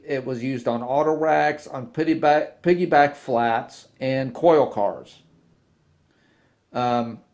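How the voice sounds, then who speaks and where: Man, model railroad tutorial host, very slow pace, halting with restarts, casual, indoor workbench. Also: mid-range voice, darkish tone. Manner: unhurried, halting, many restarts and fillers.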